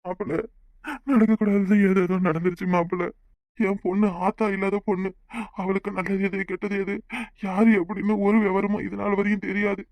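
A man's voice: high voice, flat delivery, a little fast, no room sound, lo-fi sound. A man voicing an ailing elderly father in a cartoon, pleading weakly. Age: older. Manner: pleading, weak. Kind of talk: cartoon voice acting.

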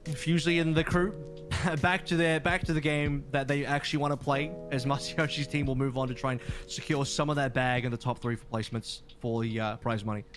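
A man casting a gaming tournament in a joking, brisk commentary manner. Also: medium pitch, steady tone, a bit bright, soft background music. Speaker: tournament caster. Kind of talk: esports commentary.

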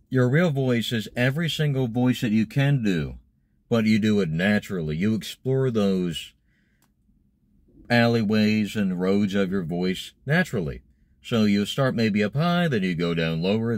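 A young adult man vlogs from a parked car, talking casually to camera and explaining things about voice acting. His voice is fairly low, and there is no room sound.

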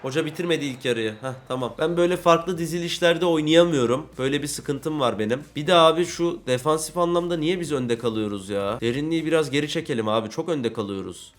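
A young man commentating his own football video game, swinging from low mumbling to loud shouts at his players. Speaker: gaming YouTuber.

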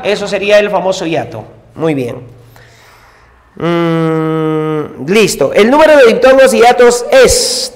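A male teacher giving an exam-prep lesson, repeating each rule over and over and checking in with quick tag questions. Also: high voice. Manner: repetitive drilling with constant tag questions. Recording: long reverb room echo.

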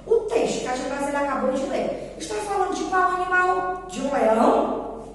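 A Brazilian woman with a Brazilian Portuguese accent teaches preschoolers in a recorded remote lesson, coaxing them in a sing-song way and answering her own questions. Her voice is high and expressive at a moderate pace. She is off-mic in an echoey room, with slight background noise.

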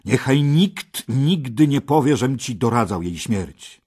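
A man's voice: mid-range voice, animated, slow pace, warm tone, slightly rough, pitched above the performer's own voice. A man voicing an earnest young knight who pleads with his king in an audiobook. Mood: impassioned. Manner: pleading, impassioned.

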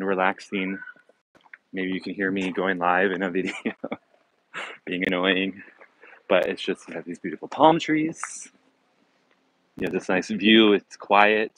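A man's voice: low-pitched, a bit bright, a little hiss or hum, low-quality recording. A man giving a casual walking tour outdoors, talking in a loose, chatty way with many fillers and restarts, recorded on a handheld camera. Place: outdoors on city streets and in a garden. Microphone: handheld phone camera, speaker off screen.

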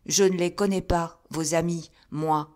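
A woman voicing a stocky male doorkeeper, a former boxer, who speaks bluntly and firmly in a lower voice, raised loud. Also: steady tone, a little slow, lightly acted. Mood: stubborn. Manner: blunt, stubborn, then hearty.

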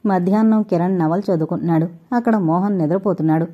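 A woman narrating an audio novel in a steady, expressive reading style, on a dull lo-fi recording. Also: lowish voice, fast talker, slightly rough. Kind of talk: scripted story narration.

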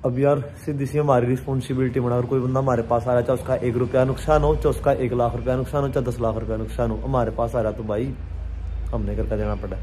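A man's voice: medium pitch, little pitch movement, quick pace, dark tone, a little hiss or hum. A young man, talking chattily to viewers as he vlogs outdoors on a phone held at arm's length. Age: young adult. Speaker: vlogger. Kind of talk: casual vlog narration. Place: outdoors at a farmyard and street.

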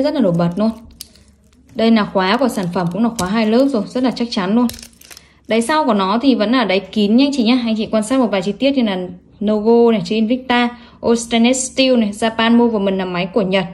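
A woman presenting watches for sale online runs through specifications and prices with salesy emphasis. She has a fairly high, darkish voice.

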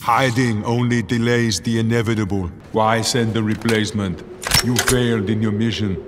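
A man playing a too-smooth android killer. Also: lowish voice, normal speed, slight background noise, natural voice. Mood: cold. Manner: flat, clipped, smooth machine-like delivery. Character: emotionless male cyborg killing machine. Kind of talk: video game dialogue.

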